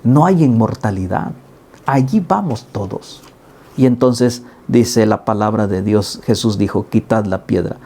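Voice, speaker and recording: A middle-aged man preaches a daily Bible sermon. His voice is dark and gravelly with a husky edge. He speaks earnestly and climbs to emphatic highs for the scripture quotes. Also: unhurried. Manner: earnest, rising to emphatic peaks when quoting.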